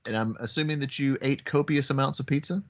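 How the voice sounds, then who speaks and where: A man co-hosting a podcast in relaxed, casual conversation. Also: mid-range voice, fast talker. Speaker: podcast co-host. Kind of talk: casual chat. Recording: dull, muffled sound.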